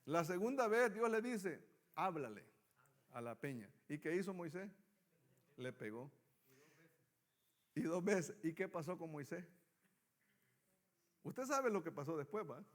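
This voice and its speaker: High-voiced man teaching a Bible class. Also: sing-song, measured pace, pauses often. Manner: reads scripture aloud then asks the class questions. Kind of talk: Bible study lesson.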